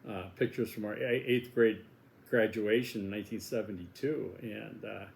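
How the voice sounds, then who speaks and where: Lowish and creaky, his voice keeps a fairly even intonation at normal speed. He's a Milwaukee college instructor in his sixties with a Wisconsin accent, rambling casually in a course welcome video with self-deprecating jokes.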